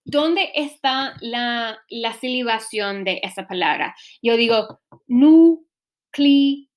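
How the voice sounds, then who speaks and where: A woman's voice: a little high, slow pace, fairly bright tone. A young woman teaching a recorded lesson, switching between two languages and checking in patiently with her students.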